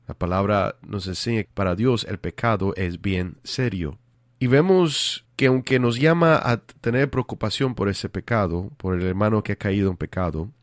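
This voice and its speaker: Slow, low-voiced male preacher. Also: no echo, clean studio sound. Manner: measured, earnest teaching delivery. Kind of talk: sermon. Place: United States.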